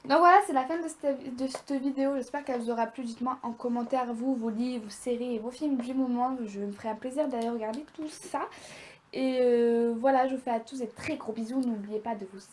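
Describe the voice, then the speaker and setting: A woman's voice: on the high side, fairly quick, a little hiss or hum. A young woman talking casually to viewers in a review vlog, chatty and rambling as she goes. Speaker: video creator.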